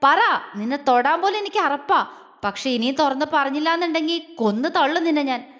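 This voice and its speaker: In a Malayalam audio story recorded with long hall reverb, a woman voices a furious, possessive young man who turns tender with his beloved. Her voice is high-pitched, animated and fairly quick, shifting from harsh and threatening to softly soothing.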